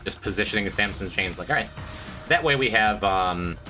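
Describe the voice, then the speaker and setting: Faint music sits behind a rough recording of a man chatting with his stream audience as he plays. He sounds stuffed-up yet expressive, pushed and bright, at a moderate pace, rambling self-deprecatingly and tossing in squeaky high jokes.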